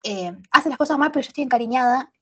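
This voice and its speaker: A young woman with a Rioplatense Spanish accent, co-hosting a podcast in casual, animated chat full of slang and restarts. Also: sits high, fast, husky, muffled recording. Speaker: podcast co-host.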